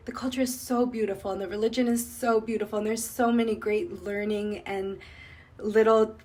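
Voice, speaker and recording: A young woman from Sri Lanka who grew up in Canada, chatting reflectively as a beauty vlogger while doing her make-up, full of "like" fillers. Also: medium pitch. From Sri Lanka, raised in Canada.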